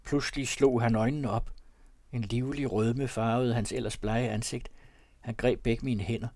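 A man narrating classic fiction in a measured, even storytelling manner. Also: medium pitch, no echo. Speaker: audiobook narrator.

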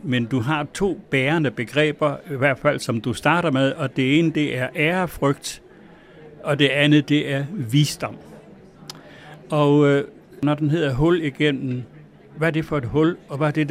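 Unhurried man interviewing an author. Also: a little high, steady tone. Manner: slow, with filled pauses. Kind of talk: live conversation at a book fair.

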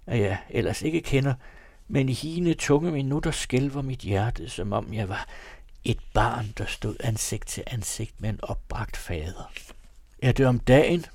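Troubled older father confessing his dark moods, read by a man, earnest, mid-pitched, dry close sound. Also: no room sound, natural voice.

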